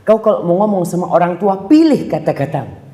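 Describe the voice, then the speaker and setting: A man's voice: big pitch swings, brisk. A man preaching a sermon to a congregation, telling stories and acting out the voices of the people in them. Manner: storytelling, acting out quoted voices with sharp pitch jumps; addresses the congregation directly. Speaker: Islamic preacher. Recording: roomy hall reverb.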